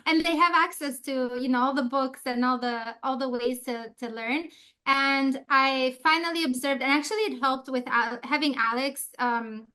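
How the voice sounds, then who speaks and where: A woman's voice: high-pitched, bright, forceful tone. A woman from Albania, a negotiations expert, talking as an interview guest in a friendly, eager way.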